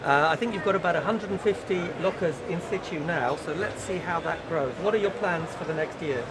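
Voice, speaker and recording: In a busy exhibition hall at a trade fair, a middle-aged man hosts interviews in an upbeat, conversational way. His voice is a little high and a little fast, and there is heavy background noise.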